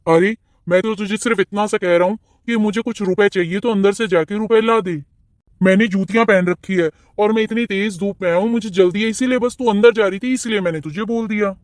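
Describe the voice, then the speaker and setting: Guy doing a meek cartoon farmer bro, highish voice, calm and placating, dry sound. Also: brisk, dry recording, lightly acted. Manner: placating, patient. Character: mild-mannered farmer, older brother-in-law.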